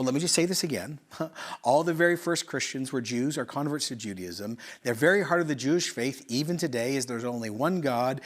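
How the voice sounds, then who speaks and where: A middle-aged male pastor from Canada, preaching in an animated, conversational way with rhetorical questions and quick asides. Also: medium pitch. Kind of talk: sermon.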